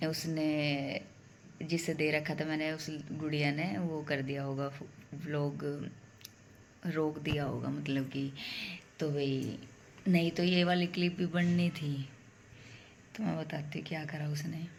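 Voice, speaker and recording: A woman's voice: low voice, little pitch movement, slow pace, gravelly, long pauses, slight background noise. A young woman vlogger casually telling a story at home to her viewers, chatty and direct. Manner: chatty, addresses viewers as bhai.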